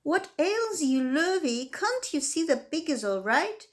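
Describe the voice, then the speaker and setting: A woman's voice: high-pitched, big pitch swings, measured pace, pitched above the performer's own voice. A woman reading the lines of a flustered, hollering farmer. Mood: exasperated. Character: flustered excitable farmer, middle-aged man.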